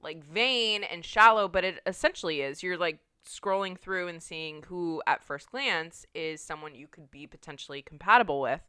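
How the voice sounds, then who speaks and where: A young woman with a very low yet bright, crisp voice, co-hosting a podcast in loose, rambling chat full of filler words. The recording is dry and close. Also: normal speed, hardly any pauses, no room sound. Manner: rambling, full of "like" and "you know". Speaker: podcast co-host. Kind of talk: casual chat.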